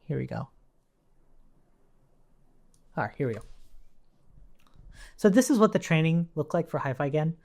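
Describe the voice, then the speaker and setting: A man with a slightly high, gravelly, darkish voice teaches an informal coding class, demonstrating on screen. His pitch swings widely, he speaks a bit slowly with long pauses, and he thinks aloud conversationally while often checking in with the listener.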